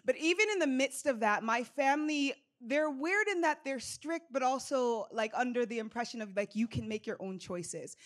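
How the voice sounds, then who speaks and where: A young adult woman from Jamaica, a church elder, sharing her testimony in a relaxed, conversational way with frequent fillers. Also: high-pitched, normal speed, hardly any pauses. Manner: conversational, rocking back and forth, frequent fillers. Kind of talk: sermon testimony. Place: church service.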